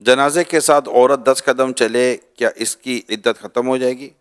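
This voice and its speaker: A man's voice: mid-range voice, fairly even intonation, smooth. Man plainly reading out questions.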